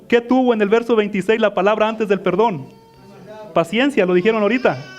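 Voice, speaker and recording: A man preaching a sermon as pastor, asking his congregation questions and answering them himself, often addressing them as beloved. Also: high-pitched. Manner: calls listeners "mis amados".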